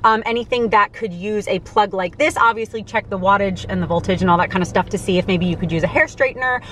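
A young woman from the States chatting to camera from inside a parked car, talking quickly and animatedly with lots of fillers. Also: mid-range voice, fairly bright tone, a little hiss or hum. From United States. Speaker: vlogger. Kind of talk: casual vlog talk to camera. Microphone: camera on dashboard.

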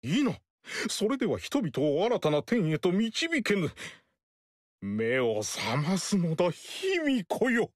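In game voice acting, an actor plays Zhang Jiao, a grandiose sorcerer-priest, solemnly and pompously declaiming heaven's will in archaic language at a slow pace. His high-pitched, very animated, heavily acted voice is recorded clean in a studio without echo.

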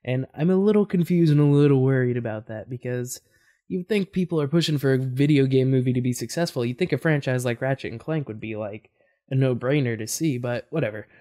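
A man's voice: mid-range voice, fairly quick, dark tone. A man hosting a reaction video, talking casually and rambling with fillers and self-corrections.

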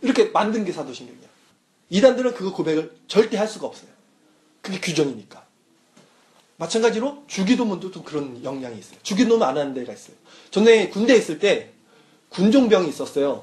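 A young youth pastor gives a casual sermon to students, teaching informally and often asking questions to check they're following. His high-pitched voice has big pitch swings, a quick pace and a darkish tone.

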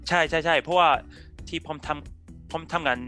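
A young man with an Australian accent, a native English speaker, chatting casually and haltingly on a headset during a video call. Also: a little high, level tone, pushed and bright, soft background music. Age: young adult. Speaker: interview guest, YouTuber. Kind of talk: casual chat.

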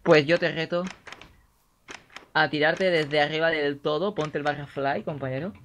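A man's voice: on the high side, moderate pace, slight background noise. A young man from casually chatting while playing Minecraft, giving short replies and signing off the video. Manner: relaxed, short replies, playful outro. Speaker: gaming co-host. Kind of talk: casual Minecraft let's play chat.

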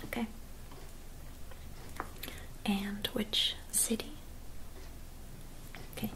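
A woman in her twenties doing a whispered role-play as a spa attendant, speaking softly and gently in an attentive, whispery voice. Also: mid-range voice, fairly even intonation, very slow, poor audio. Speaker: ASMR performer playing a spa clinic receptionist and therapist. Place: small dim room at home.

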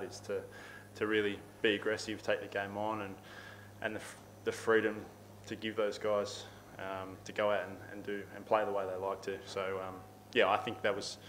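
A man in his thirties with an Australian accent, answering questions at a post-match press conference, steady and repeating words as he thinks. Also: lowish voice, a little hiss or hum, low-quality recording. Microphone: table microphone.

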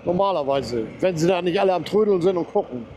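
A man talks his way through a mountain ride on his motorbike, chatty and easily excited as he comments for his viewers. His voice is mellow and slightly raised, picked up by a helmet mic. A faint hum of engine and wind sits under his voice. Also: high-pitched, quick pace. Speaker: motorcycle vlogger. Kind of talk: casual running commentary while riding. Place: on a motorcycle outdoors on a mountain road.

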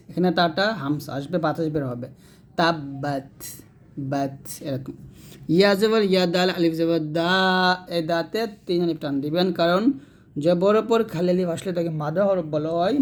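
A man with a Bangladeshi Bengali accent teaching Quran reading. He spells out each letter and syllable slowly, then chants the verses. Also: a little high, darkish tone. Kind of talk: spelling-out recitation lesson.

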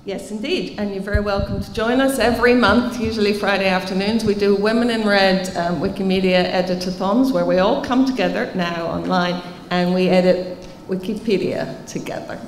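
A woman's voice: mid-range voice, normal speed, few pauses, slight background noise. Woman answering questions in an echoey hall. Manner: earnest, explanatory, emphatic. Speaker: keynote speaker answering questions. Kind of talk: conference Q&A answers. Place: large conference hall, seated at panel table. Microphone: table microphone. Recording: reverberant hall, faint ambience.

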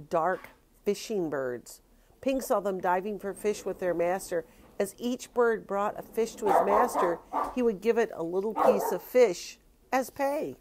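An older woman, a grandmother, reading a picture book aloud with expressive, drawn-out storytelling. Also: mid-range voice, a little hiss or hum.

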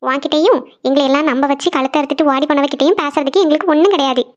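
A woman's voice: high-pitched, rapid-fire, lo-fi sound, close to an everyday voice. A woman voicing a bitter, grieving middle-aged aunt in a cartoon, scolding coldly. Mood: stern scolding. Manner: cold, scolding. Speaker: cartoon voice actor. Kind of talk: cartoon voice acting.

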